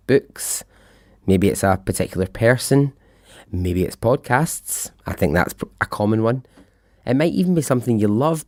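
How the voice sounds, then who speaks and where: A man's voice: lowish voice, darkish tone, dry recording. A man with a thick Scottish accent hosting a storytelling podcast in a chatty, informal, sweary way, close to the microphone. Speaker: podcast host.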